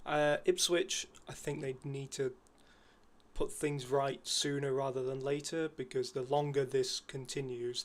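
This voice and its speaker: A man guesting on a casual football predictions chat, relaxed with frequent ums and uhs. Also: medium pitch.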